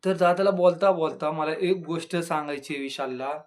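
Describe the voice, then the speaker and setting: Male reviewer, higher-pitched voice, playful casual delivery with singsong filler words; addresses the show's cast directly. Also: normal speed. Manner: playful and chatty, with jingly rhyming filler words; talks straight to the contestants. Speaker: YouTube reality show reviewer.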